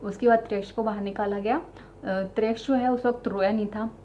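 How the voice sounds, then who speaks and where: A woman's voice: mid-range voice, fairly even intonation, a little fast, dark tone, slight background noise. Chatty young woman telling her story. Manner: chatty, addresses viewers directly, many fillers. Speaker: vlogger sharing her childbirth story. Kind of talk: casual personal storytelling. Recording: slightly dull lo-fi sound with faint ambience.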